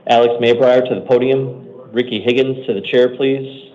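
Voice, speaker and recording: An American man speaking as a judge at a hearing, making procedural courtroom announcements in a brisk, matter-of-fact, routine way. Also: mid-range voice, steady tone, a little mellow. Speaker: judge or commissioner at initial appearance hearings. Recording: muffled phone-like courtroom audio.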